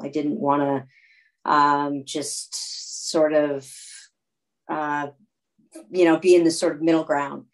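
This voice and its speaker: Relaxed low-voiced woman in her thirties, guest on a video call from home. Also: low-quality recording. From California, United States. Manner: relaxed, rambling, with fillers and restarts. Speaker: guest, athlete. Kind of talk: casual video call interview. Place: home room.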